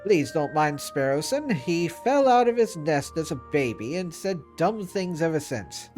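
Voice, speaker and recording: A man's voice: fairly high pitch, sing-song, measured pace, a little mellow, faint music behind. A man voicing a pompous male falcon defense attorney in a game, talking down to his partner. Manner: pompous, condescending.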